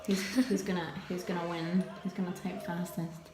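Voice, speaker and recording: A woman's voice: lowish voice, level tone, moderate pace, reverberant. A woman nail technician giving a chatty live tutorial, quizzing and teasing her viewers.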